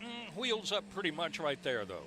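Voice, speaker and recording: A male tractor pull announcer presents the competition in a fairly high voice with very animated intonation. Engines and outdoor noise are clearly audible behind his play-by-play. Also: normal speed. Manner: presentational, introducing and recapping. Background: outdoor ambience and vehicle engines.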